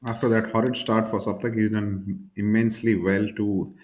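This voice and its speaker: A man working as a golf commentator on a live tournament, talking in a measured, wordy, analytical way. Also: on the low side, flat delivery, a little mellow. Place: indoor air-conditioned commentary room.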